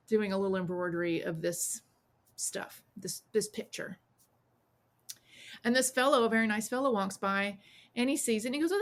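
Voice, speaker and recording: Woman, forties, podcast guest, lively storyteller who acts out quoted voices. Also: medium pitch. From South Carolina, US. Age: 40s. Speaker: podcast guest, witch and priestess. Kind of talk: casual storytelling interview.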